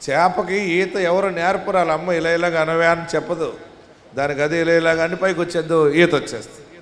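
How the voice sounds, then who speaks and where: Male pastor, high voice, impassioned live sermon with shouted calls, heard with long hall reverb. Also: steady tone, fairly quick. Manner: passionate preaching, shouting calls for hallelujah; mixes homely stories with rising exhortation. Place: large hall at a live church service.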